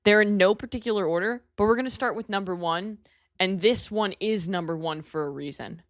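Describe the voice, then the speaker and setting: A woman's voice: mid-range voice, brisk, dry recording, studio quality. A woman in her thirties from New York, hosting her own podcast in a candid, chatty way with casual fillers. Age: 30s. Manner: candid, chatty, self-deprecating with frequent "like" fillers. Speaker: podcast host. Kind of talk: solo podcast talk.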